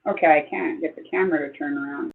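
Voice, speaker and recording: An older woman hosts a casual livestream, chatty and quick to get excited, with exclamations and rambling asides. Her voice comes through thin and phone-like, as if it were captured on a handset or webcam. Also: low-pitched, gravelly, breathy edge. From Southeast Idaho, USA. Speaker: livestream host. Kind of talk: casual live-stream chat. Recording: tinny phone-like sound.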